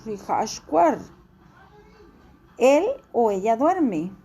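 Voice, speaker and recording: Woman teacher, high pitch, slow patient delivery, repeats forms for class. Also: very animated, dark tone, husky. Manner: patient, repeats each form slowly for students. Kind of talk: classroom language lesson.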